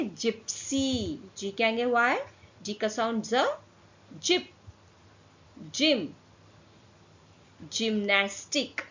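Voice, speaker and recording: A woman teaching a phonics lesson to children, stretching out each example word and asking questions as she goes. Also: on the high side. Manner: slow, drawn-out word modelling with repeated questions. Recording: dull lo-fi sound.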